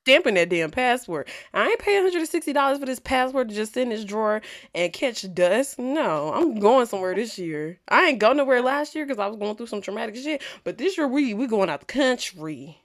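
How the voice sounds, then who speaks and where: A woman from Texas co-hosting a podcast in casual chat, blunt and joking, swinging between loud bursts and soft asides. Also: fairly high pitch, sing-song, fairly quick, few pauses. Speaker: podcast co-host.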